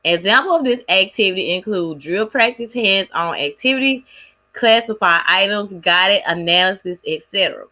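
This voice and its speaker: Woman, clear bright tone, casual lesson-plan presentation, halting with fillers. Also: medium pitch, animated. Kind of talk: recorded class presentation.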